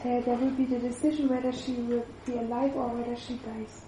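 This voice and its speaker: A woman interpreting a church testimony live, halting and searching for words with many fillers. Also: on the high side, level tone, dark tone, slight background noise. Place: church hall. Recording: roomy hall echo.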